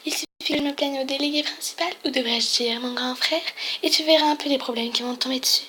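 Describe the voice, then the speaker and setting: A woman's voice: high voice, fairly even intonation, fast talker, pushed and bright. A woman voicing a spoiled, mean teenage girl from a game, mocking and sneering.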